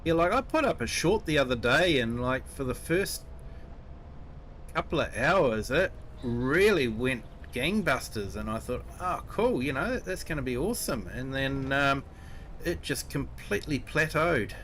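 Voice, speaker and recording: A man's voice: medium pitch, expressive, a little slow, a bit bright, slight background noise. A man with a New Zealand accent chatting casually with viewers while streaming a game. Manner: easygoing, chatty, answering viewers. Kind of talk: casual live-stream chat.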